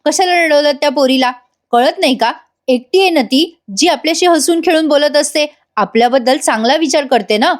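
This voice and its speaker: A woman's voice: sits high, brisk, pitched above the performer's own voice, lightly acted. A woman reading the lines of a hurt, protective young village man. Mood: reproachful.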